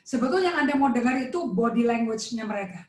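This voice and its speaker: Lively high-voiced woman pastor preaching. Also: fast talker. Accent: Indonesian. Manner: lively, acts out dialogue with shifting tones. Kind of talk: sermon. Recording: echoey church hall.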